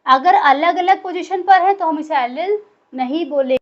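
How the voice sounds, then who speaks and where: A woman's voice: very high-pitched, normal speed, highs cut off. A woman teaching a biology class in a lecture style, asking questions and answering them herself.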